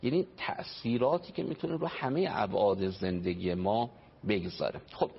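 This radio guest, a family counselor, has a lowish, creaky, slightly rough voice. He offers a sincere religious talk about family life, quoting and explaining traditions, and the broadcast sounds dull with faint noise.

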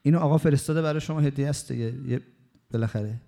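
A man voicing a calm, kindly male shrine custodian who speaks in a reassuring, matter-of-fact way. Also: mid-range voice, natural voice.

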